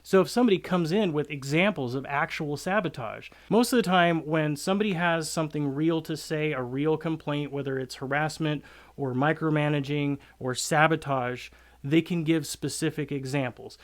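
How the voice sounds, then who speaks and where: Man, fairly high voice, chatty advice monologue, loose and filler-heavy, slips into quick quoted voices. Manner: conversational, uses many fillers, acts out quotes. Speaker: content creator giving hiring advice to cooks.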